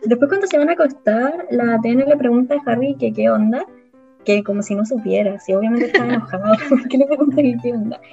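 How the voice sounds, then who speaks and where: Mellow Chilean young woman, muffled. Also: a little high, fast talker, gravelly, breathy edge, faint music behind. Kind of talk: casual chat, retelling a story. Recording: slightly muffled recording.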